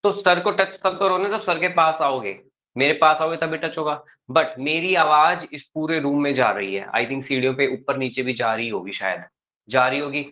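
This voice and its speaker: A man teaches a class with a fairly high, bright and forward voice, speaking evenly and without hurry. He pauses often to check the students understand, and the recording sounds muffled and lo-fi.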